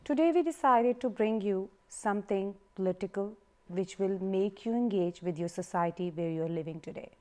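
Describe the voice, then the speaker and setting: A woman hosts a TV interview at a middle pitch. She introduces her guest in effusive, formal terms. Her questions run long and wind through several clauses. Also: moderate pace, a little mellow. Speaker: TV talk show host. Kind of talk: hosting an interview.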